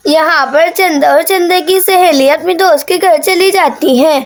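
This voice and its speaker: A woman tells a homemade doll story and voices the dolls' chatter. She talks in a chatty, childlike, exclamatory way. Her voice is very high. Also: a little slow.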